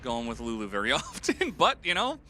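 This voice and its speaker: A playful man in his thirties casts an esports game in a casual, laughing style. His pitch moves around a lot while he chats. Music runs quietly behind his voice. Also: brisk. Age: 30s. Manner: laughing, relaxed, playful banter. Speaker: esports caster.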